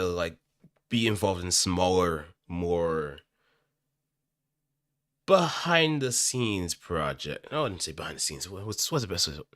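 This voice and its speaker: Speaking into a close, dry studio mic, a man who hopes to become a voice actor rambles hesitantly to his viewers as he thinks out loud. His voice sits low and sounds sharp, with no echo.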